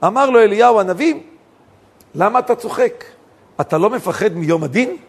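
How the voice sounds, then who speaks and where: A man, a rabbi, giving a Torah lesson in an animated way, telling stories and acting out the dialogue. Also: high voice.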